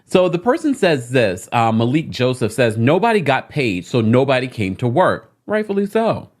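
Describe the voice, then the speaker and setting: A woman's voice: very deep voice, sing-song, moderate pace, a little mellow. A woman from London reading a news article aloud on a podcast, breaking off with indignant asides. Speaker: podcast co-host.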